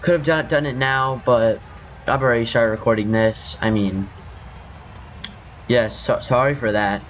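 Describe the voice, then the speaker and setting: A man's voice: medium pitch, fairly even intonation, measured pace, fairly bright tone. Young man with a scratchy morning voice. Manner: rambling, self-correcting, apologetic. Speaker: gaming youtuber. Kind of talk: casual gameplay commentary.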